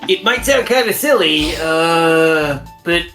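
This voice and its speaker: A man voicing a goofy, boastful young man from a game, ad-libbing crude lines in a deadpan way. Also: fairly high pitch, takes it slowly, over music.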